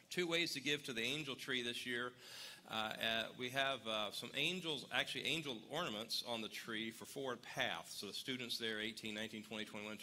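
A man's voice: lowish voice, sharp tone, a little hiss or hum. A man giving casual announcements at a church service, chatty and rambling, joking with the congregation.

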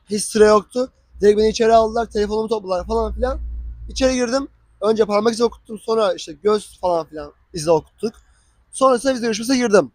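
Genç bir adam, yaşadıklarını diyalogları canlandırarak sohbet havasında anlatıyor. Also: male voice, high-pitched, dry recording. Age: young adult. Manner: animated, acts out dialogue. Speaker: vlogger. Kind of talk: casual storytelling.

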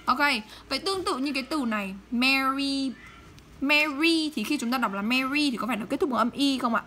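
A woman teaching English pronunciation in Vietnamese, modeling English words slowly and checking often with her students. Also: high-pitched, pushed and bright, a little hiss or hum. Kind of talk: pronunciation lesson.

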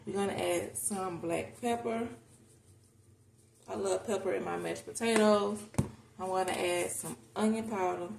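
Speaking a little slowly, with a creaky mid-range voice and fairly even intonation, an American woman who vlogs about home cooking chats candidly and casually with viewers while cooking. The indoor kitchen sounds roomy, and background noise is noticeable.

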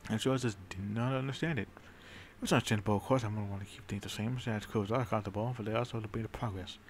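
A guy telling a dark roleplay story over his strategy game, low voice, rambly and swears a lot, faint room hum behind. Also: fairly even intonation, fast talker. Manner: rambling, swears casually, brooding dramatic storytelling. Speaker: game streamer. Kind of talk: in-character narration of a strategy game.

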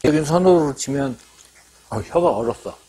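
Husky man, mouth full of ice cream. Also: medium pitch, expressive, warm tone. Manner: muffled, halting speech while eating. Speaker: mukbang vlogger. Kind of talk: casual eating-show chat.

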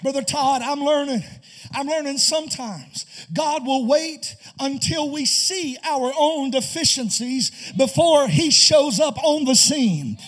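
A man pastor preaching a sermon, building to impassioned, shouted appeals. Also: extremely high pitch, takes it slowly.

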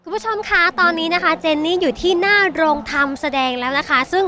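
A woman presenting live for TV from an exhibition, talking politely and upbeat to the viewers. Her voice is high and bright. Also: animated, quick pace. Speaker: TV host. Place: exhibition hall.

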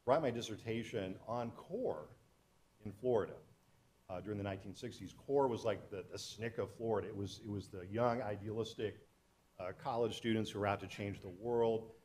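A middle-aged man with a fairly low voice speaks to an audience as a historian and author. His delivery is earnest and storytelling, and he often restarts his phrases as he recounts events. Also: moderate pace, a little mellow, a little hiss or hum. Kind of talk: public talk to an audience.

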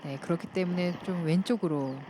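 A woman's voice: fairly low pitch, a little fast, background noise. A woman giving polite, explanatory analysis as a commentator on a live golf broadcast.

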